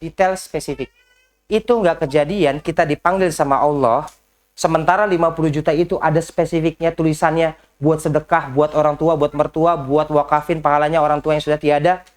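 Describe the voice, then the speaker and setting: Lively man coaching a group indoors. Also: a little high, a little fast. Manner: lively, talks straight to the audience with rhetorical questions; mixes English business phrases into his talk. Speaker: business coach. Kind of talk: motivational coaching talk. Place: indoor session in a house.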